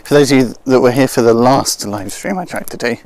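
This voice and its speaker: A man's voice: medium pitch, a little fast, a little mellow. A man, a landscape photographer chatting casually to viewers on a live stream, in a wry, rambling way with joking asides. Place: open heath outdoors at dusk.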